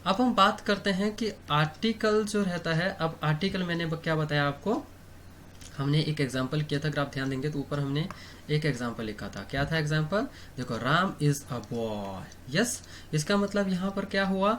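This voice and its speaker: Hindi-speaking teacher checking in with "okay". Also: male voice, on the high side, a bit bright, a little hiss or hum. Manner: fills pauses with "okay" and "theek hai"; asks himself questions and then answers them. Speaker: English grammar teacher. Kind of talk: explanatory online lesson.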